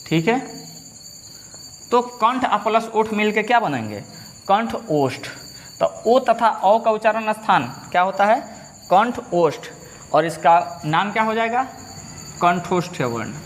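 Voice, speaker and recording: Male teacher, high lively voice, slow drilled delivery, long reverb with faint crickets. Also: slight background noise. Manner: asks questions, then repeats the answers slowly. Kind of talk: Hindi grammar lesson.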